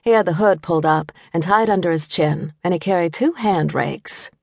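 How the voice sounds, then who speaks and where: A woman reading a mystery audiobook in clear, even scripted narration. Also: lowish voice, moderate pace, no echo, studio quality. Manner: clear, even storytelling, playful voices for the mother.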